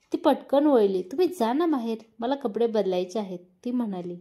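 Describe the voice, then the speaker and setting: A woman's voice: a little high, warm tone. Woman reading a family story aloud. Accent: Marathi.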